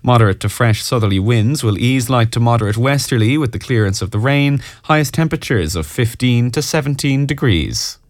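A man's voice: mid-range voice, animated, brisk, hardly any pauses, no echo, studio quality. An Irish man reading a scripted radio bulletin as a presenter. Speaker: radio news and sport reader.

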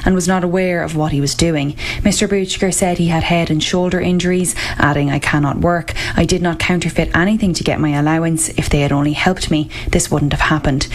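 A woman with an Irish accent reading a scripted news bulletin. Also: low-pitched. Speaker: newsreader.

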